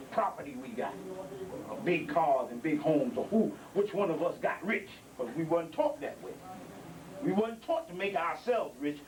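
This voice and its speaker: A middle-aged man, an elder at a community gathering, preaches to young members inside a building, leaning on repeated emphasis and street vernacular. His voice is a little high and a little mellow, picked up on a handheld microphone from a distance with background noise.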